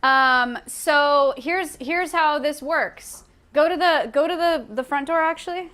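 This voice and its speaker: A woman's voice: high-pitched, unhurried, a bit bright. A young woman hosting a casual streamed vlog and walking viewers through a sanctuary. She talks in an upbeat, chatty way and laughs often. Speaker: sanctuary host giving a tour. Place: indoor studio room.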